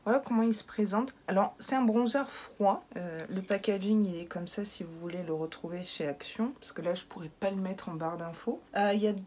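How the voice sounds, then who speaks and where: A woman's voice: mid-range voice, a little fast, hardly any pauses, a little mellow, a little hiss or hum. A woman with a French accent chatting casually and playfully as a beauty vlogger, reviewing her makeup collection. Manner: chatty, playful, self-mocking with invented words.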